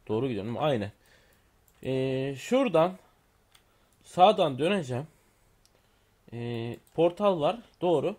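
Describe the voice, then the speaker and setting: A man's voice: fairly high pitch, darkish tone. Chatty young-sounding gamer man. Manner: chatty, thinks aloud, many fillers and self-corrections. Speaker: gaming YouTuber. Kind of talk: casual gameplay commentary.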